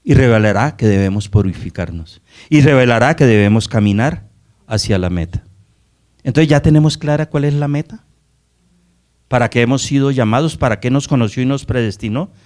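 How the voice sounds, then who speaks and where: A man's voice: medium pitch, animated, brisk, darkish tone. A man from Colombia preaching a Sunday Bible study sermon as pastor, asking the congregation rhetorical questions.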